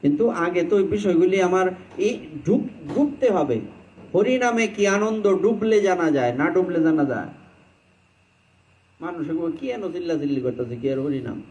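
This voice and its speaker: High-voiced man giving a devotional sermon. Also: normal speed, darkish tone, low-quality recording. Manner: conversational, chants mantra lines mid-talk. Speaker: Vaishnava preacher.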